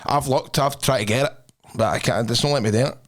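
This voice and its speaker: Scottish man, animated casual banter. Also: mid-range voice, quick pace. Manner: animated storytelling, sweary slang. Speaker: podcast host.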